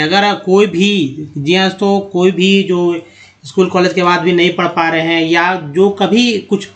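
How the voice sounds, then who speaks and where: A man teaching English pronunciation over slides, drawing out and repeating sounds slowly so learners can copy them. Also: sits high, fairly bright tone. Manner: drawn-out, repeating words slowly to show pronunciation. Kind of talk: slide-based phonics lesson.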